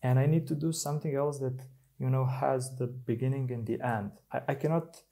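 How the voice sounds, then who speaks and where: Gravelly podcast host, halting speech. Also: male voice, medium pitch, fairly even intonation, dark tone. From Serbia. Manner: halting, many restarts. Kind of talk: casual interview talk.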